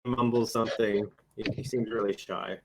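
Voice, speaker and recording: A man narrating a tabletop game as game master, relaxed and casual, laughing often. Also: on the low side, a little fast, vocal fry, slight background noise, rough recording.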